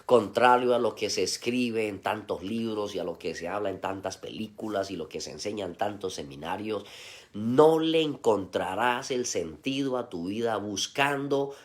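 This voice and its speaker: Brief: middle-aged Colombian male pastor, lowish voice, fervent sermon delivery. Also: normal speed. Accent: Colombian Spanish. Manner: impassioned preaching with shifting emphasis.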